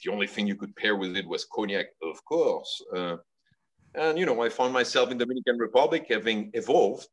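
A middle-aged man from Belgium, a guest telling stories in a relaxed way over a video call from his home study. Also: fairly low pitch, fairly quick, lo-fi sound. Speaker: guest, cigar company executive.

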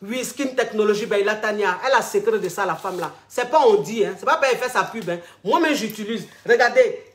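A woman's voice: mid-range voice, animated, a little fast, hardly any pauses. Chatty woman giving advice. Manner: familiar, repetitive, addresses listeners as darling. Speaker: vlog host giving relationship advice. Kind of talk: casual advice talk. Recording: roomy echo.

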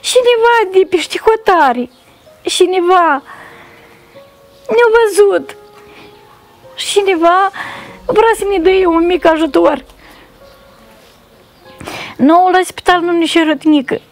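A woman with a very high voice tells her family's story for a charity. She speaks in a pleading, repetitive way and comes back to the same phrases again and again. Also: pauses often, faint music behind. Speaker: mother seeking charity help. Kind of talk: emotional testimony.

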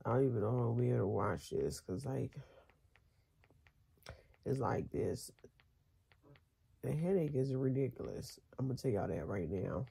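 An American woman in her thirties with a congested, nasal voice, chatting casually to camera in a tired, halting way while recovering from surgery. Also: very deep voice, expressive, dark tone. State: recovering from nose surgery with a headache. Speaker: vlogger. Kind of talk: casual vlog chat to camera. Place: bedroom, reclining in bed, indoors. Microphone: camera or phone at close range. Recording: clear background noise, home camera.

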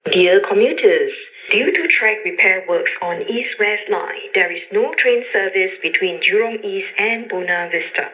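A woman making polite, formal announcements to commuters over a public address loudspeaker. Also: medium pitch, measured pace. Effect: played over a station loudspeaker. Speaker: station announcer. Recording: muffled loudspeaker sound.

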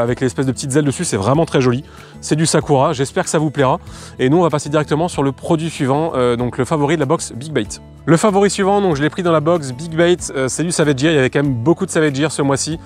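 Guy rattling off fishing lure tips outside, talks fast, faint music underneath. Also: mid-range voice, darkish tone. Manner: fast, loose explanations with many fillers. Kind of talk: casual product demo. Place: outdoors by the water.

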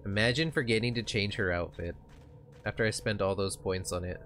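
A man's voice: lowish voice, a little fast, a bit bright, faint music behind. A man from Texas, live-streaming a horror game and joking with his chat. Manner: joking, talks to chat, sings snatches.

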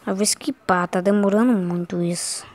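A woman's voice: mid-range voice, fairly even intonation, normal speed, a little mellow. A Brazilian woman giving casual, scared and anxious commentary while playing a horror game, often repeating short phrases. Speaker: gaming streamer.

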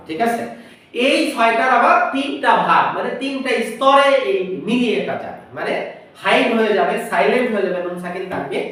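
A man teaching Quran pronunciation, spelling out each letter and vowel, then repeating the words slowly, sometimes in a chant. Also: sits high, fairly bright tone, heavy reverb, recorded from a distance, poor audio. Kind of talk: step-by-step pronunciation lesson.

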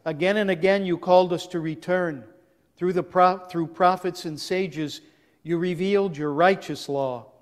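A man, a priest leading a communion service, reciting the prayer in a slow, solemn, measured way, his voice carried by a long cathedral-like echo. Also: sits high, steady tone. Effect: long cathedral-like echo around the voice. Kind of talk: chanted liturgical prayer. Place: large church. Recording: long echo in a large church.

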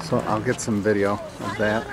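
A man's voice: lowish voice, flat delivery, moderate pace. A middle-aged man chatting enthusiastically as he shows viewers around on a travel vlog, recorded on a camera mic outdoors. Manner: enthusiastic, chatty tour guiding. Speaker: travel vlogger. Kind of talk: casual travel vlog narration. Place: outdoors by a canal and on a mountain train. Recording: outdoor crowd and vehicle noise. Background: crowd chatter, train and street noise.

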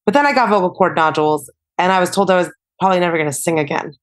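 A young adult woman with a lowish voice talks in rapid-fire fashion as a singer-songwriter guest on a podcast. Her casual interview chat is full of "like" and "you know."

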